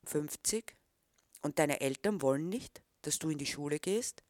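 A woman's voice: low voice, animated, measured pace, a little mellow, dry recording, studio quality. A woman reading the part of a disapproving middle-aged man who questions a boy. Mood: stern.

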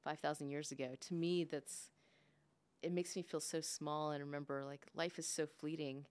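A woman with a low, steady, slightly mellow voice speaks at a normal speed, her tone clear and resonant. She grew up speaking English and Spanish and is a business leader appearing as a podcast guest, chatting casually and reflectively while often tagging her thoughts with "like" and "right?".

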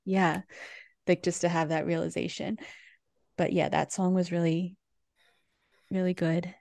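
A woman's voice: on the low side, little pitch movement, unhurried, vocal fry, a little mellow, no room sound. A woman co-hosting a podcast, recapping a musical in casual, rambling chat full of restarts. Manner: chatty, lots of "like" and restarts. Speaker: podcast co-host.

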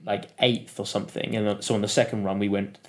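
A man, a podcast guest, telling stories in a casual, animated way and acting out the quotes of others. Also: on the low side, quick pace. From United Kingdom. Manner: animated, laughing storyteller who acts out quotes. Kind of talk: casual storytelling interview.

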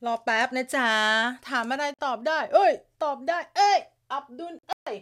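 A woman's voice: sits high, moderate pace. Chatty Thai woman on a home live stream. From Thailand. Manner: chatty, giggly, reads viewer comments aloud. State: lingering cough. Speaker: live-stream news host. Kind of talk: casual live-stream chat. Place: home, upstairs room.

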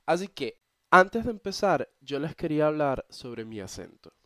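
Chatty and expressive, a young Venezuelan-accented man runs a casual solo podcast from his bedroom, with playful asides for listeners. He has a fairly high voice at moderate pace, recorded in studio quality without room sound.

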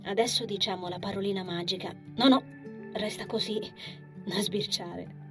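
A woman voicing a gentle young woman who talks softly and playfully to a small child in an audiobook. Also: medium pitch, fairly even intonation, moderate pace, over music, lightly acted. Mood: coaxing. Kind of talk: audiobook character voice.

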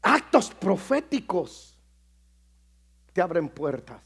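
A pastor preaching a sermon in an emphatic style that builds to shouted high points. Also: male voice, very animated, takes it slowly, slightly rough.

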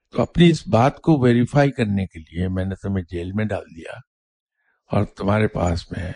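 Man doing a patient old king, lowish husky voice, gentle storyteller tone. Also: no room sound. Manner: measured, explaining gently. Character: kindly wise old king, patient and calm.

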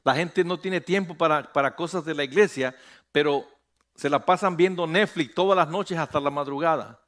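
A man's voice: fairly high pitch, moderate pace, fairly bright tone. A middle-aged man, a pastor preaching a sermon, calling on the congregation to repeat after him and rising to emphatic peaks.

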